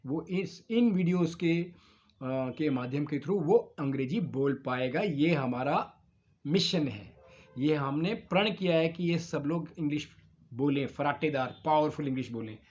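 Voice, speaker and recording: An Indian man teaching spoken English in a video lesson, spelling words out letter by letter and pausing often. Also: fairly high pitch. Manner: spells out words letter by letter, drawn-out teaching delivery with many fillers.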